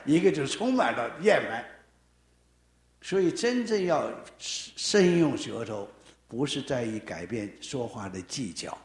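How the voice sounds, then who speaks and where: A man preaching a sermon with an emphatic, animated delivery that swings between raised and lowered phrases. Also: reverberant.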